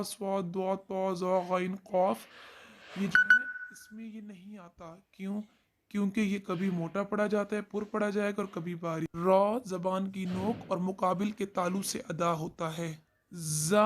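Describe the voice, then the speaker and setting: A Quran recitation teacher giving a tajweed lesson, explaining where each letter is sounded and drawing out demonstrations of the letters. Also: medium pitch. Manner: addresses viewers directly and often.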